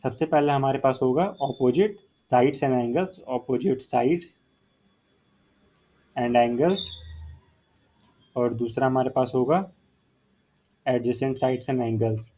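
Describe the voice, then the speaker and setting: A man's voice: mid-range voice, drawn-out words, long pauses. A male math teacher explaining a whiteboard lesson step by step, repeating key terms and mixing in English phrases. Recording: phone-like narrow sound.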